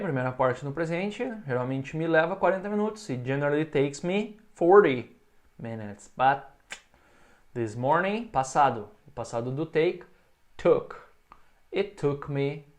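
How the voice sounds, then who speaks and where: Man teaching English, slow repeated phrases. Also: mid-range voice. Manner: explains in Portuguese, models English phrases slowly for repetition. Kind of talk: recorded online English lesson.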